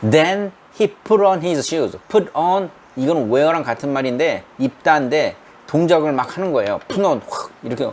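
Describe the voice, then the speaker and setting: With a fairly high-pitched, expressive voice, a male English lecturer runs a university reading lesson in a small room that isn't a studio. He reads English sentences slowly, explains them in Korean and questions his class.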